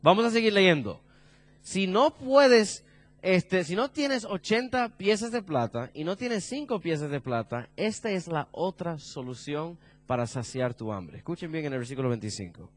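A man preaching a sermon, asking the congregation questions and dropping his voice low for emphasis. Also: big pitch swings, normal speed.

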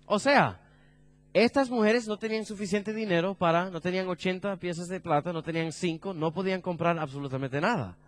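A man preaching a sermon, asking the congregation questions and dropping his voice low for emphasis. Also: a little fast.

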